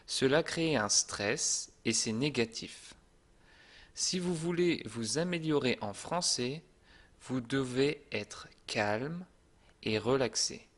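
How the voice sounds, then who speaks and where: A man narrating a French lesson in a calm, deliberate, scripted manner. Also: medium pitch. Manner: slow and deliberate, calm reassuring delivery. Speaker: French teacher.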